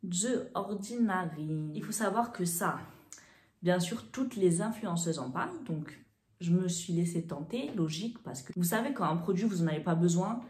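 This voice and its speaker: A young woman tells a story to the camera at home in the chatty, animated way of a beauty vlogger, with plenty of fillers. Her voice sits low for a woman and sounds mellow. The room around her gives it a clear echo. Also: normal speed, slight background noise.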